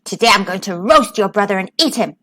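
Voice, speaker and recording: A woman's voice: medium pitch, animated, quick pace, fairly bright tone, voice pushed down. Woman putting on a bossy old witch. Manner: bossy, snapping orders. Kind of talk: storybook read-aloud.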